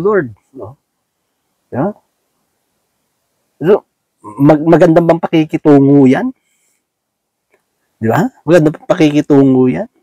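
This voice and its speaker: A Filipino man preaches in a relaxed, talky way, often asking his listeners if they agree. His voice sits a little high for a man. The sound is dry and close, with no room echo. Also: muffled recording. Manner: folksy, asks "di ba?" often, acts out little scenes. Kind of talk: conversational sermon.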